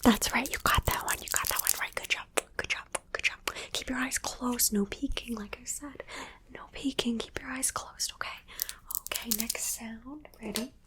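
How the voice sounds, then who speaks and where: A woman whispering softly into a close microphone, coaxing and praising the listener through an ASMR guessing game. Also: a little high, moderate pace. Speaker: ASMR creator. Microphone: close sensitive microphone.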